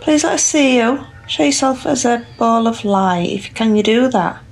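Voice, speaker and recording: A woman's voice: on the high side, lively intonation, normal speed, gravelly, slight background noise. A woman on a ghost-hunting vlog, talking as a paranormal investigator and addressing spirits aloud. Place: indoor rooms at night. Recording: music underneath. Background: music.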